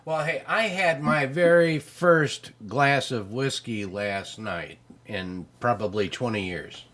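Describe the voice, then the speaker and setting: A middle-aged man hosting a relaxed live chat show. He rambles along in an easygoing way, full of fillers, and drops dry jokes about himself. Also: medium pitch, slow pace. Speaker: show host. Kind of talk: casual chat.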